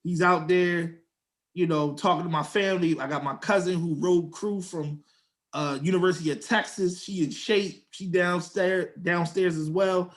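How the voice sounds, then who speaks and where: A man's voice: high voice, steady tone, normal speed. A young man, co-hosting a podcast and telling a story in slangy casual chat, acting out quotes in a raised voice. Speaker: podcast co-host.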